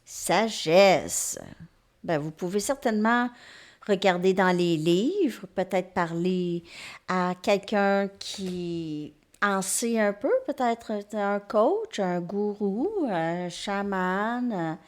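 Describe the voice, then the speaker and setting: A woman gives a tarot reading to her viewers, gently reassuring them and often checking in with them. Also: mid-range voice, slow. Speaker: tarot reader.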